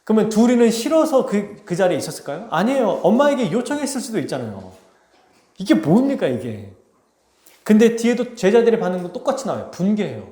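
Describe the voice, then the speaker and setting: Male pastor, expository sermon, fairly high voice, dramatic storytelling, echoey church room. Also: big pitch swings, a little fast, warm tone. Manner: conversational, asks the congregation questions; dramatizes the text with acted quotes. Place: church sanctuary.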